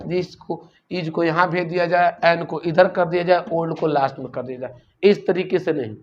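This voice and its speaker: A man teaching a grammar lesson, explaining step by step and asking rhetorical questions as he goes. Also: high voice. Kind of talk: classroom-style grammar lesson. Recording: dull lo-fi recording.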